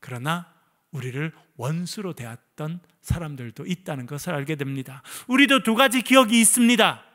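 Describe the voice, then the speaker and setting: High, bright-voiced man preaching a sermon. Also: moderate pace. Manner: animated storytelling preacher, voices the quoted figures; asks the congregation questions. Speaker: pastor. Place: church service.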